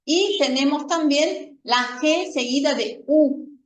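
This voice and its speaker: A woman teaching a language lesson, pronouncing example words slowly and patiently, often checking in with her students. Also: high-pitched. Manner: models words slowly and repeats them. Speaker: Spanish teacher. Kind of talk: slow, careful classroom explanation. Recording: echoey room from a distant mic.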